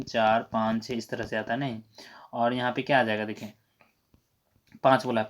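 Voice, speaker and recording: A man teaching math, running through exam answers briskly, working the sums out loud and saying "okay" over and over. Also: medium pitch. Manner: brisk, repeats "theek hai" constantly; works sums aloud in a running drone.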